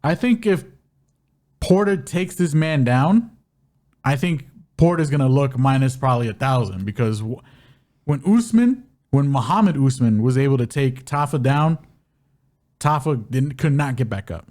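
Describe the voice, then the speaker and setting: A man co-hosting a podcast, talking through fight bets in a relaxed, animated way, laughing often. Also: mid-range voice, moderate pace. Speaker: podcast co-host. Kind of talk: casual sports betting chat.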